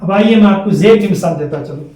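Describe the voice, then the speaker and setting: A man with a Hyderabadi Urdu accent teaching Quranic letters, spelling each letter and syllable out and repeating it in a slow, deliberate classroom manner. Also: high-pitched, warm tone, faint music behind. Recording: roomy, distant mic.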